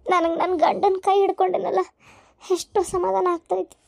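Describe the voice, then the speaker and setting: Woman doing a frightened young wife in labor, creaky and high. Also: level tone, fairly quick, darkish tone, no room sound, studio quality, exaggerated voice. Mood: pleading. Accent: North Karnataka Kannada. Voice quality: pleading, strained. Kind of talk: cartoon voice acting.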